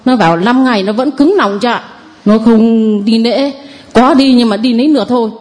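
A woman's voice: a little high, moderate pace, a little mellow. A woman in her forties with a northern Vietnamese accent, giving a nervous, rambling, deferential testimony to a priest. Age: 40s. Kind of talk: spoken testimony.

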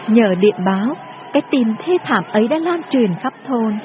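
A woman's voice: on the high side, expressive, normal speed, background noise. Grave woman storyteller, tinny audio. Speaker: narrator. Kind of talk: dramatic storybook narration. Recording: tinny phone-like audio with music behind.

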